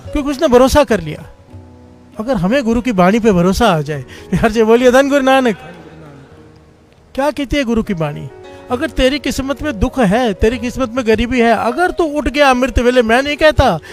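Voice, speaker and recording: A man's voice: very high-pitched, animated, soft background music. A man preaching a devotional Sikh sermon, telling a story in an earnest way and often calling on the congregation to respond with praise. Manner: keeps urging the congregation to call out praise; earnest storytelling, quotes scripture in a slow chant. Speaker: Sikh preacher giving katha.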